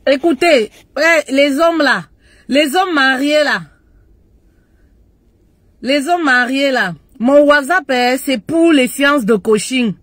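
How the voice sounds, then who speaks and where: Slow-talking playful woman coach. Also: high voice, fairly bright tone, no echo. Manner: playful, breaks into singing along to music. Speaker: relationship coach. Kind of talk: casual live-stream chat.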